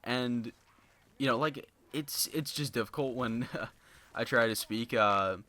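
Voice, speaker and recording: This gaming YouTuber, a young man, talks slowly at a medium pitch, drifting through casual unscripted commentary for viewers. His delivery is flat and full of fillers, many of them "you know," captured on a basic low-end home mic.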